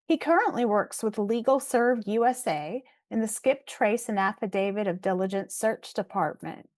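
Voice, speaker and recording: A woman's voice: mid-range voice, darkish tone. A woman moderating a webinar, reading a formal speaker introduction over a video call. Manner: formal and measured.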